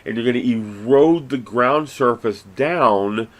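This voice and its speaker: A man's voice: medium pitch, slow. A man teaching a geology class in a recorded lecture, talking casually with lots of fillers, restarts and self-deprecating asides. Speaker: geology instructor.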